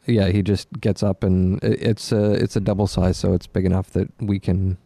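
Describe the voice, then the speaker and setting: Low, mellow man, halting and casual. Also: flat delivery, creaky, no room sound. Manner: halting, hedging, often repeats words. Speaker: podcast co-host. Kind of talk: casual chat.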